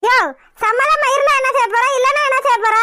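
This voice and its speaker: Woman as brash cartoon villainess, shrill and dry. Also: steady tone, fast, sharp tone, no echo. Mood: mocking. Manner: brash, mocking commands. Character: bossy scheming woman, the groom's mother, brash.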